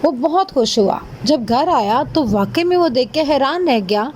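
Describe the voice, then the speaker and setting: Female narrator, high voice, gentle expressive kids' storytelling. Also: slight background noise.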